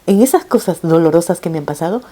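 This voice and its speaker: A middle-aged woman, a mother, telling her viewers a painful personal story in an emotional, halting way, with frequent restarts. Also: fairly low pitch, lively intonation, mellow. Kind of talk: personal testimony told to viewers.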